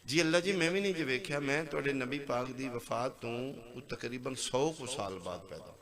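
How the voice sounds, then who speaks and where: A man's voice: medium pitch, normal speed, natural voice. A man doing a meek cleric pleading with a Punjabi accent. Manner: deferential, apologetic. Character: meek male cleric pleading humbly before God. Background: crowd.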